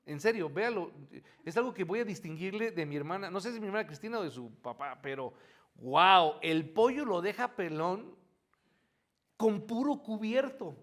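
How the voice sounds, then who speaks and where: A man's voice: sits high, lively intonation, moderate pace, fairly bright tone. A man preaching a morning church sermon in a conversational teaching style, often asking the congregation questions and answering them himself, with homely asides.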